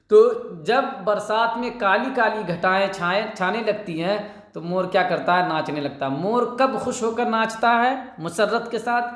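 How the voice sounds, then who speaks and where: A man's voice: sits high, a bit bright. Man teaching exam questions in an echoey room. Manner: explains slowly, repeats answers and asks rhetorical questions. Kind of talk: online exam lesson.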